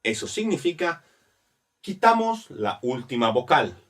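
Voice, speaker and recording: Slow, lively-voiced male Spanish teacher. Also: mid-range voice, distant mic. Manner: slow, explains step by step, spells letters out. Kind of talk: classroom grammar lesson.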